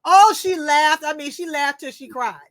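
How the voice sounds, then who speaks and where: A woman who writes and illustrates children's books, telling personal stories as an interview guest in an expressive, animated way. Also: sits high, moderate pace, no echo. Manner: expressive, animated storytelling with acted-out voices. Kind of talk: storytelling in an interview.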